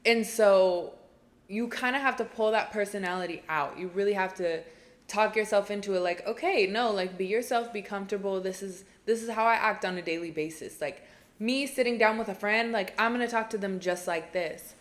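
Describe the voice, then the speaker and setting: A woman's voice: mid-range voice, moderate pace. A young woman in her twenties, talking to camera alone in a small room, giving earnest, chatty advice and repeating phrases for emphasis. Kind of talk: casual advice vlog to camera.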